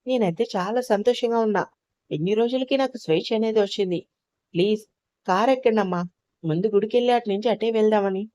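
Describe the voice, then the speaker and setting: A woman voicing a calm, protective young sister-in-law who talks in a steady, reassuring way in an audio story. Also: mid-range voice, brisk, dry recording, natural voice.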